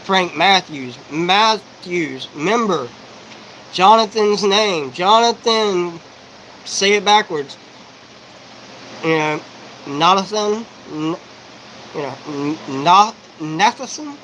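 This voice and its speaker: A man in his forties delivers a disjointed live-stream monologue, swearing freely as he jumps from thought to thought. His voice sits high for a man, and he talks in quick, tumbling bursts. A faint hiss of noise runs underneath. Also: animated, a bit bright, rough recording. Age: 40s. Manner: rapid, profane, rambling and disjointed. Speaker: livestreamer.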